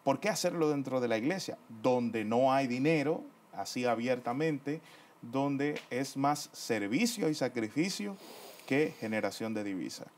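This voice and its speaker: A man's voice: mid-range voice, animated, unhurried, a little hiss or hum. A man interviewing a guest on a television program, asking his questions in a friendly, playful way.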